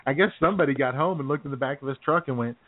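Talking very fast in a mid-range voice, an American man co-hosts a talk show full of casual jokes and frequent chuckles. There's no echo, but the sound is thin and phone-like.

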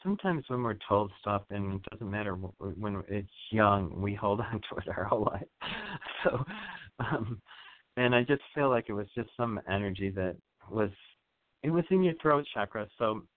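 A man hosting a radio psychic reading, guiding a caller through breathing in a soothing, halting way with many fillers. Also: fairly low pitch, expressive, dry recording. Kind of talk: spiritual energy reading on air. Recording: phone-like narrow sound.

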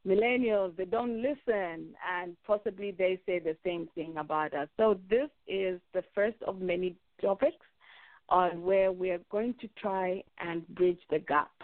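A middle-aged woman hosts a roundtable discussion in a measured, halting way over the phone. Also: fairly low pitch, fairly even intonation, no room sound. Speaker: radio host. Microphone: phone call. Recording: tinny phone line.

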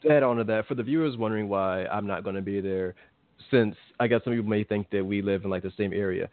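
A man's voice: fairly low pitch, fast talker. A man from Virginia, co-hosting a boxing podcast in a laid-back, conversational way with a neutral General American accent. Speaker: podcast co-host. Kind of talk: casual boxing podcast chat. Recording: tinny phone-like line, dry.

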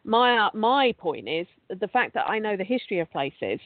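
A guest who is a paranormal investigator and podcast host chats her way through a ghost-hunting story, in loose, rambling sentences that often restart mid-phrase. Her medium-pitched voice is sing-song at a normal speed and comes over a dry, tinny, phone-like line with no echo or room sound at all.

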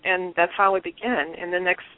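This interview guest from Liberia recounts her personal story with earnest reflection and many restarts. Her lowish voice holds a steady tone at a normal speed. She's heard through a telephone, tinny and dry with no echo.

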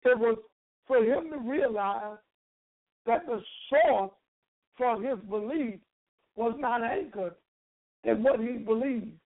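A preacher with a hoarse, croaky, frog-like mid-range voice teaches a sermon in short, emphatic, deliberate phrases, leaning on rhetorical repetition. The recording sounds narrow, almost like a phone line.

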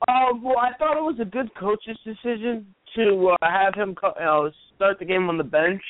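High-voiced easygoing sports co-host. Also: male voice, normal speed. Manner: easygoing, analytical, uses fillers like uh and um. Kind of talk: casual sports analysis. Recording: tinny phone-like line, dry.

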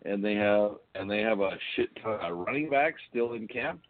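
A man's voice: fairly low pitch, moderate pace, a little hiss or hum. A man chatting casually as a sports show panelist whose audio glitches and keeps cutting out, speaking hesitantly and trailing off. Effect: glitching audio, mic cutting in and out. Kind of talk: casual sports chat on a call. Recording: thin phone-like, dry online call.

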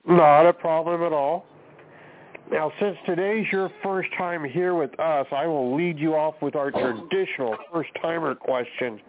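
A man with a fairly high pitch and an unhurried delivery hosts a casual podcast talk show, steadily guiding the chat and interviewing a guest. The line is tinny and phone-like, with a little hiss or hum.

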